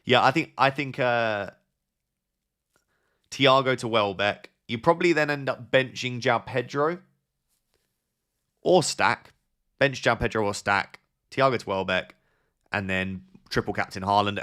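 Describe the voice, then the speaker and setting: A young man with a low, gravelly voice chats casually on a live stream. He reads viewers' messages out loud and answers them on the spot, thinking aloud as he goes with plenty of fillers and restarts.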